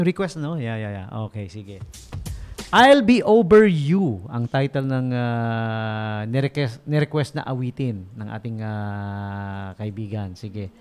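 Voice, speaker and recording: A Filipino radio DJ man with a fairly high voice that swings up and down as he talks. He tells jokes in a playful, animated way and laughs at his own punchlines, with faint music low behind him in the studio. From Philippines. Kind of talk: late-night radio joke telling and sign-off.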